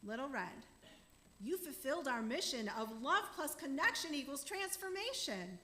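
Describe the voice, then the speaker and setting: In a church sanctuary, a woman minister preaches a warm, earnest sermon to her congregation, mentioning she is losing her voice. Her high-pitched voice swings widely in pitch at a moderate pace, and the sound is roomy.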